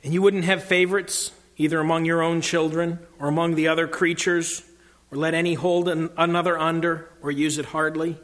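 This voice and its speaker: A man voicing a kingly male lion who speaks in a grave, formal, measured way. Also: a little high, flat delivery, a bit bright, natural voice. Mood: solemn.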